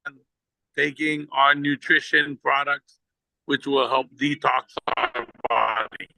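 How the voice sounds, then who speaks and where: A man's voice: mid-range voice, fairly even intonation, slow pace, creaky, pushed and bright, poor audio. A man on a video call giving an upbeat pep talk, his audio choppy and glitchy, cutting out mid-word. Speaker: team leader on a business call.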